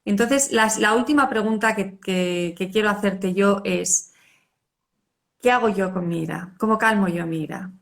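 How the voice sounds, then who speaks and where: Woman host, middle pitch, halting question with restarts. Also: vocal fry. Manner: hesitant, restarts phrases. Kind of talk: interview question.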